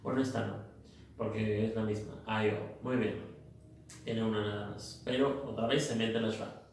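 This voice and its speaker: A man teaching English pronunciation in a slow, methodical way, drilling word lists one by one. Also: fairly low pitch, fairly even intonation, slight background noise. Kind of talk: recorded phonics lesson. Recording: echoey room, mic far off.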